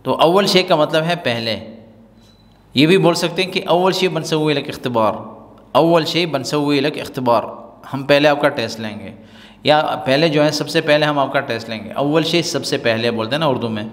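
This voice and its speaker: A man teaching colloquial Arabic phrases, explaining in Urdu and repeating each phrase slowly for learners to copy. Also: on the high side, a bit bright, long reverb tail.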